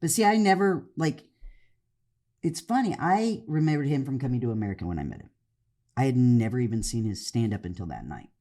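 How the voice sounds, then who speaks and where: A woman with an unusually deep voice spins loose, meandering stories in casual podcast chat, her pitch swinging widely as she goes. She laughs often as she talks. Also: animated, fairly quick, mellow. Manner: rambling storyteller, laughs often. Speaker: podcast co-host, comedian.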